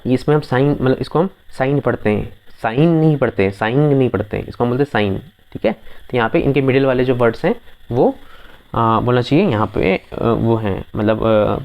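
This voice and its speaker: A man's voice: mid-range voice, expressive, normal speed, gravelly, a little mellow. A man teaching English pronunciation in a video lesson, patiently repeating words and checking that his students follow.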